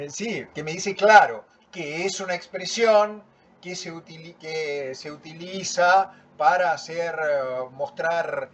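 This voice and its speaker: A man, teaching a lecture in a slow, deliberate manner and often checking in with "¿sí?". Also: fairly high pitch, a bit bright. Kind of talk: lecture reviewing student work. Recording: dull lo-fi recording.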